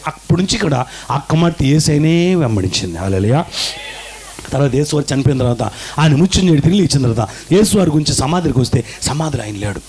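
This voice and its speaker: A man's voice: medium pitch, darkish tone. A male pastor preaching a fervent sermon, calling out to his congregation and acting out the words of the people in his stories.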